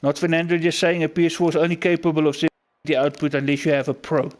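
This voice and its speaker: A South African esports race commentator with an Afrikaans accent gives casual live commentary on a sim racing stream. His voice is a little high, and he talks fast with flat delivery.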